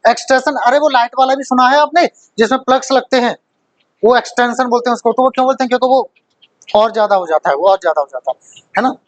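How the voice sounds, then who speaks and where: A man's voice: very high-pitched, quick pace, no room sound. Dry-voiced male teacher quizzing. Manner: asks questions and answers them himself; repeats words for emphasis. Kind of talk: vocabulary lesson.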